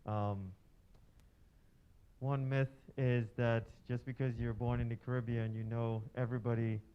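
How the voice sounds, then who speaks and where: Guy at a church workshop, stops and restarts a lot, smooth voice but muffled recording. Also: medium pitch, level tone. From Trinidad and Tobago. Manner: halting, many fillers and restarts. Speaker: workshop participant.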